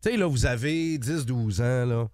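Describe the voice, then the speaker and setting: A man's voice: medium pitch, normal speed, a little mellow, dry recording, studio quality. A man with a Quebec French accent hosting a morning radio show, jokey and loose in his banter.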